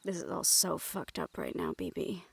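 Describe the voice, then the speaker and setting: Playing a young monster hunter in an intimate audio roleplay, a woman speaks casually and wryly, swearing and breaking into soft chuckles as she teases and comforts a partner with weary tenderness. Her voice sits on the low side, gravelly with a breathy edge, very animated and fully in character at a normal pace. Music plays beneath her.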